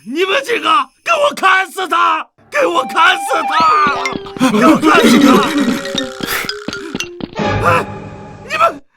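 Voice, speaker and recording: A middle-aged actor playing a blustering village head and father who shouts orders and wails. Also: extremely high pitch, sing-song, slow pace, pauses often, loud music behind the voice, heavily acted. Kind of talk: short-drama acting.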